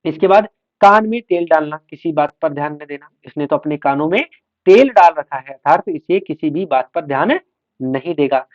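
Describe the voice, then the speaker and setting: A man teaching a revision class for exam students, slowly drilling vocabulary and repeating each word for the class. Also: on the high side, lively intonation, dry recording. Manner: slow, drills words by repeating them for the class. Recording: slightly dull, lo-fi sound.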